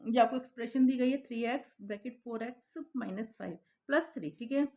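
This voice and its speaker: Female maths teacher, patient, a little high-pitched, steady step-by-step explanation. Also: brisk. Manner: patient, checks in with repeated "thik hai" and "hai na".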